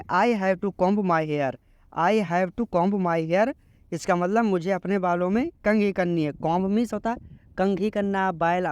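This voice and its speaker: A man teaching a spoken English lesson, explaining briskly and saying each English phrase very slowly, twice over. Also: high voice, a little mellow, smooth, no room sound. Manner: says English phrases very slowly and repeats them; explains briskly, calls listeners friends.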